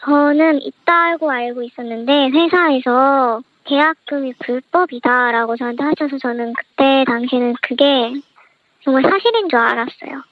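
A young woman in her twenties, interviewed on the radio over the phone, recounting her experience in a soft, careful way through a voice changer. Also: sits high, normal speed, dry recording. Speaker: interviewee, former idol trainee. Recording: disguised voice over a phone line.

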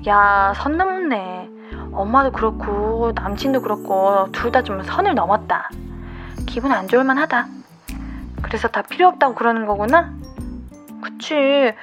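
A young woman radio DJ delivering a scripted, gentle and consoling monologue as if to an upset friend. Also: a little high, lively intonation, moderate pace, faint music behind.

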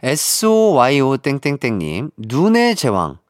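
A man's voice: medium pitch, wildly swooping pitch, a little slow, no room sound, clean studio sound. A man hosting a radio quiz, joking playfully as he reads out listener messages. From Jeolla, South Korea. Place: radio studio. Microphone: studio microphone.

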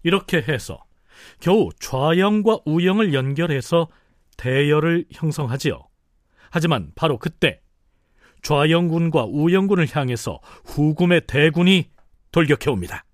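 A man's voice: a little high, expressive, a little slow, no room sound, studio quality. A man hosting a history programme, delivering scripted narration. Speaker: host.

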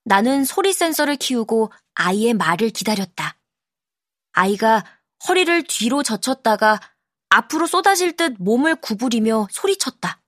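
A woman narrating an audiobook in a calm, measured storytelling manner, close to the mic. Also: a little high, dry recording. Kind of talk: scripted narration.

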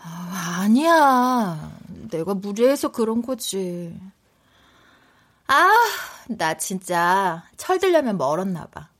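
A woman's voice: mid-range voice, big pitch swings, slow, a bit bright, full character voice. An actress in her thirties playing a proud but apologetic pregnant wife in a radio drama, talking emotionally. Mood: remorseful. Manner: emotional, wheedling then teasing.

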